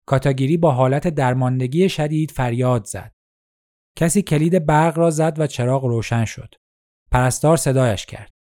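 Mellow-voiced male audiobook narrator. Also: medium pitch.

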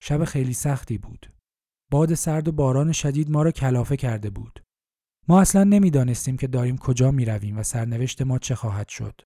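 A worn-out old elf king murmurs in a dark, mellow voice, each word sounding tired and soft. A man reads him out in a storybook. The sound is dry and close, with no room around it. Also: mid-range voice, expressive, no room sound. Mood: weary. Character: old ailing male elf king, weary.

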